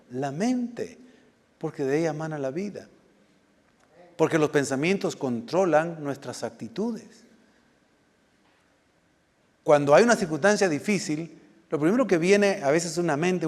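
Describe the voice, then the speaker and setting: A man's voice: a little high, expressive, a little slow, long pauses. A man preaching a sermon as pastor, speaking spontaneously with restarts and sudden bursts of emphasis. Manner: spontaneous, with repeated restarts and emphatic swings in loudness. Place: church sanctuary. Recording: church hall with long reverb.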